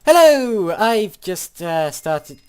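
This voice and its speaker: Low-voiced woman gaming. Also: very animated, moderate pace. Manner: chatty, stammering restarts, dry jokes. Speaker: channel host playing a minecraft minigame. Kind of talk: casual gaming commentary.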